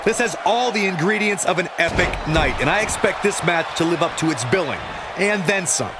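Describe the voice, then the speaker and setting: A man's voice: high-pitched, lively intonation, brisk. A man giving wrestling commentary against a noisy arena background. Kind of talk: sports commentary.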